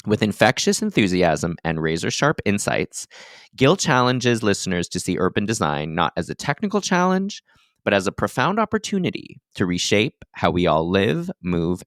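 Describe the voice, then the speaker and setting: A man hosting a podcast, reading a smooth introduction and then asking casual questions. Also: low-pitched, dry recording, studio quality. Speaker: podcast host.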